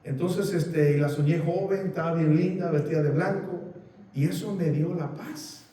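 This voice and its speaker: A man preaching as a pastor in a halting way, repeating words and using many fillers. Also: a little high, mellow. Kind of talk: sermon with congregation sharing. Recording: echoey room picked up from a distance.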